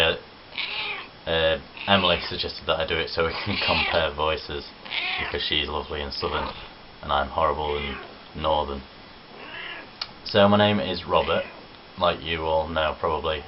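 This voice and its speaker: A young vlogger from Nottinghamshire, England, chats casually and pokes fun at himself in a home video, his English Midlands accent clear. His voice is extremely low. The camera sits on a tripod, and the audio is dull lo-fi webcam sound with a faint hiss.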